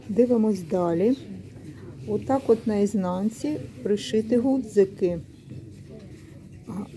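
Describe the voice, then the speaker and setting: A woman's voice: mid-range voice, warm tone, slight background noise. A middle-aged woman vlogging casually about secondhand clothes. She explains each item unhurriedly and corrects herself mid-word. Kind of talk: casual vlog commentary. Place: secondhand shop, indoors.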